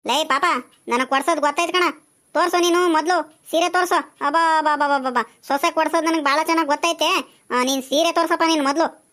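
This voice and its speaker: A woman's voice: high voice, fairly even intonation, fairly quick, fairly bright tone. A woman playing a chatty, bossy village woman shopping for saris, nagging and teasing in a comedy skit.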